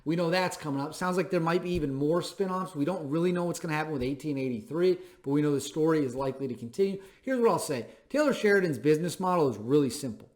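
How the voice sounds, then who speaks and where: A man's voice: fairly high pitch, lively intonation, fast, hardly any pauses, a little mellow. A thirty-year-old man hosting a show, speaking an emphatic, plainspoken commentary monologue and repeating phrases for stress. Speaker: show host. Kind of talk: opinion commentary monologue to camera.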